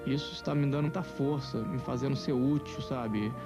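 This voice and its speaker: A man's voice: medium pitch, fairly even intonation, moderate pace. Guy, stops and searches for words, big echoey room, music under it. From Minas Gerais, Brazil. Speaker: interviewee. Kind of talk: documentary interview.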